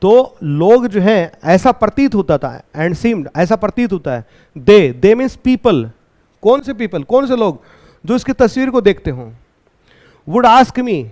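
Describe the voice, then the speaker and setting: High-voiced, slow-talking male teacher. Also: sing-song, dark tone. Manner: reads English lines slowly, then explains with rhetorical questions. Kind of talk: line-by-line poem explanation lesson.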